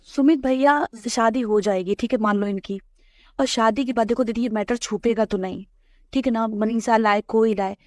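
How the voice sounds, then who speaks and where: A woman on a recorded phone call, talking anxiously with many hurried restarts. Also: a little high, no room sound, studio quality. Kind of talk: worried phone conversation.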